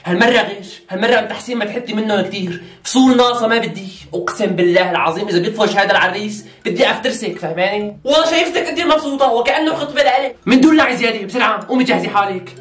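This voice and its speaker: A man's voice: high voice, lively intonation, rapid-fire, hardly any pauses, a bit bright, roomy sound, distant mic. A man voicing a bossy, threatening middle-aged mother in a comedy sketch. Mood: scolding. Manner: scolding and threatening.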